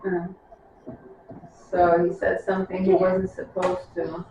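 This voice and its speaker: A woman's voice: lowish voice, completely flat delivery, measured pace, crowd noise, background noise. A woman hosting a reaction video, chatting casually and reacting aloud as she watches each scene. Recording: roomy, distant, dull sound with show music behind.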